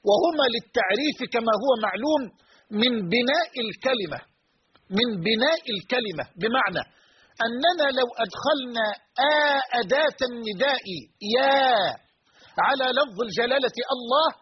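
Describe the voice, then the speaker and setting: Preacher guy, really high voice, hammers his points by repeating them, faint hiss behind. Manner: emphatic, repeats key phrases for the audience. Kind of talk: religious lecture. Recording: dull lo-fi recording with faint noise.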